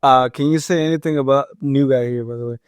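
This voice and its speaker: A man's voice: mid-range voice, steady tone, fast talker, smooth, dry recording, studio quality. A young man co-hosting a casual podcast, talking hesitantly with many fillers. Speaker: podcast co-host. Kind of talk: casual chat.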